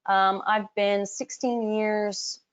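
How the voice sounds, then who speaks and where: A woman from Hong Kong working as a business advisor, presenting a live webinar. She talks in a chatty, direct way, speaks to her audience often and fills her pauses with ums. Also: medium pitch, flat delivery, clear, resonant tone. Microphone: computer mic on a web call, camera off. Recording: dull lo-fi webinar audio.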